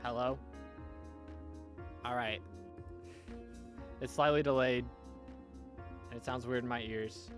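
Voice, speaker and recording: A man's voice: mid-range voice, steady tone, slow pace, long pauses, soft background music. A man hosting a casual gaming livestream, rambling playfully and joking with his chat. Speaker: gaming streamer.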